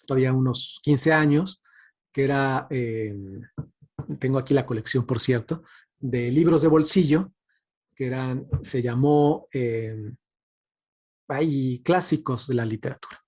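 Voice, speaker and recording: In a mid-range, slightly mellow voice, a man talks at a measured pace with long pauses. As a guest speaker on radio drama, he gives an informal academic talk in a hesitant, thoughtful way, often using tags to seek agreement.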